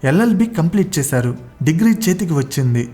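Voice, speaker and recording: A narrator telling a true spy story in a measured, dramatic storytelling style. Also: medium pitch, big pitch swings, mellow. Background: faint background music.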